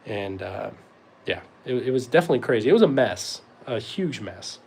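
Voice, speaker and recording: A man's voice: medium pitch, lively intonation, normal speed, gravelly, slight background noise. A young man from North Carolina, hosting a casual livestream Q&A and answering chat in a laid-back, rambling way with lots of fillers. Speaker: host answering live chat questions.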